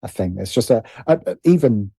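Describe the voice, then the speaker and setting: A middle-aged writer and producer, guesting on a podcast, chats in a casual interview but sounds hesitant, correcting himself with repeated false starts. His medium-pitched voice has a dark tone and a breathy edge, and he is expressive and brisk. The recording is clean studio sound with no room sound.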